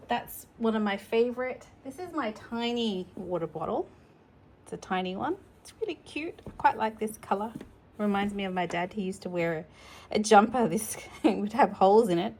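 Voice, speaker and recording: A middle-aged woman with a mid-range, slightly mellow voice reads children's books aloud at storytime. She keeps it casual, adding chatty asides and explaining things simply, as though speaking to a child.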